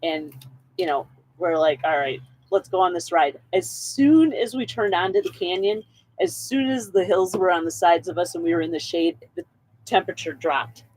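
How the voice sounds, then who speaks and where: A co-host recounting a ride in an expressive, chatty way. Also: mid-range voice, normal speed. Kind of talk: casual chat.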